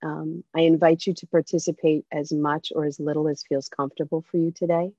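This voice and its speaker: A woman leading a guided breathing meditation over a video call, speaking softly with gentle invitations. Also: deep voice, no echo. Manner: slow, soft-spoken, gentle invitations. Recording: dull lo-fi video call audio.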